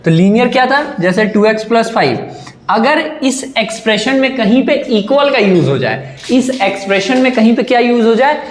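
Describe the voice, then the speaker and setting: A man's voice: extremely high pitch, very animated, moderate pace, slight background noise. Echoey male math teacher quizzing students. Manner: asks questions and answers them himself, repeats key points. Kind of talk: classroom-style lesson. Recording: echoey room.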